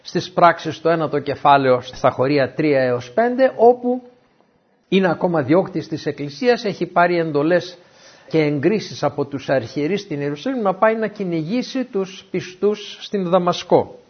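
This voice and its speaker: Animated husky-voiced man preaching. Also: fairly high pitch. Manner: lively storyteller who asks the listeners questions. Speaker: preacher teaching from the Bible. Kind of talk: Bible teaching talk. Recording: dull, muffled lo-fi recording.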